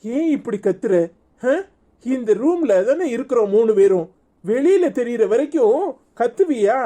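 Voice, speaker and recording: A woman's voice: a little high, expressive, unhurried, warm tone. A woman voicing a weary, exasperated husband in a cartoon, scolding and fed up, with a Tirunelveli Tamil accent.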